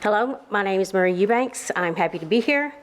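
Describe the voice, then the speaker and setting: A woman's voice: medium pitch, animated, brisk. A woman in her fifties reciting a formal introduction and thanking the council on behalf of the group. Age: 50s. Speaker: bike rider introducing herself.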